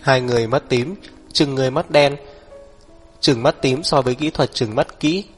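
A man narrating an audiobook in a steady, even reading style. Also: medium pitch, normal speed, faint music behind.

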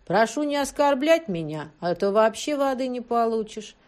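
A woman's voice: on the high side, measured pace, natural voice. A woman voicing a hulking, spiteful female accomplice who snaps back angrily. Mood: snappish. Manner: snappish, furious.

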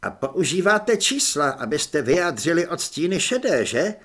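A man voicing a keen, clever young soldier in an audiobook, explaining his ideas eagerly and quickly. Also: on the high side, sing-song, fairly bright tone, heavily acted. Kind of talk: audiobook character voice.

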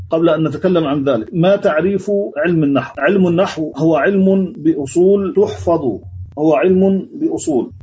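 A man teaching a grammar lesson online, explaining slowly and repeating his phrases as he reads through a text. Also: on the high side, mellow, a little hiss or hum. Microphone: video call. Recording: dull lo-fi online call audio.

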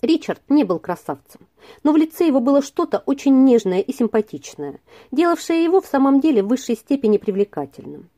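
A woman narrating a classic novel aloud in an expressive storytelling manner. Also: high-pitched, brisk. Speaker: audiobook reader. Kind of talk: scripted narration.

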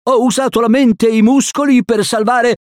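A man voicing an eager, excitable young jungle boy in a storybook reading. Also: very slow, husky, no room sound, studio quality, heavily acted. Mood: excited. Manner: high, excited shouting.

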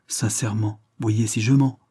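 A man's voice: fairly low pitch, steady tone, moderate pace, mellow, husky, no room sound, studio quality. A man voicing an earnest, proud young boxer of simple mind, in a read-aloud story. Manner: earnest, proud of his strength.

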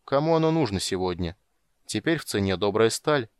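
A man reading the part of a stern, proud male knight who speaks gravely. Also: fairly low pitch, lively intonation, a little fast, dry recording, close to an everyday voice.

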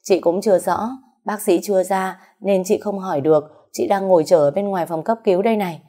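A woman voicing a kindly friend who talks in a hurried, worried way. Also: medium pitch, warm tone, lightly acted.

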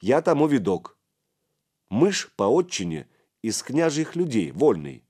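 A man voicing a calm male companion who speaks in a measured, plain way. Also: medium pitch, breathy edge, pitched above the performer's own voice. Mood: steady.

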